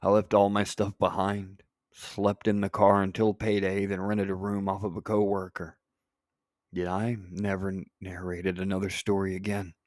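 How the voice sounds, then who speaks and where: An American man narrating a first-person horror story with dramatic pauses and blunt profanity. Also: deep voice, completely flat delivery, a little mellow, dry recording, studio quality. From United States.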